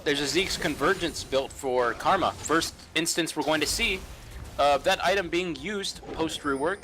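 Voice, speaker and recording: A man's voice: on the high side, normal speed, bright, forceful tone, a little hiss or hum, poor audio. A man giving color commentary on a video game match, analytical and joking as he talks through item builds and timers. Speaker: esports caster.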